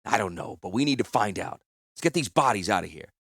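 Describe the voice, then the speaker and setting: A man's voice: on the low side, animated, fairly quick, creaky, a bit bright, husky, no echo, studio quality, heavily acted. A man voicing a stern male commander who speaks in clipped, commanding tones.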